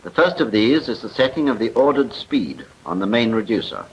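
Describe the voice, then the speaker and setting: Speaking a little fast and with animation, a British man with a medium-pitched voice reads a formal, precise script recalling a 1940s military training film. The voice-over was recorded for a film, and its 1940s soundtrack sounds muffled and noisy.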